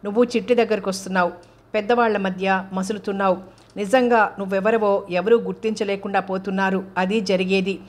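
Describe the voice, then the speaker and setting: Give me a woman doing a playful young man coaxing his sister, said in a flat even voice. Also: medium pitch, brisk, lightly acted.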